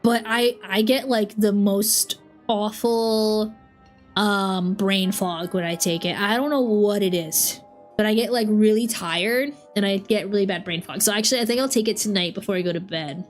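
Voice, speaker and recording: A sniffly young woman with a cold rambles and giggles through a casual livestream from home, often cutting herself off. Her voice sits in the mid-range at a normal speed, with faint music in the background.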